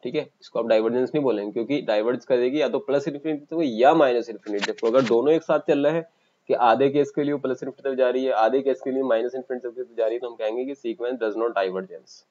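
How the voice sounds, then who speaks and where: Indian man teaching math, slow and dark-toned. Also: mid-range voice, highs cut off, a little hiss or hum. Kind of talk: online exam-coaching lecture.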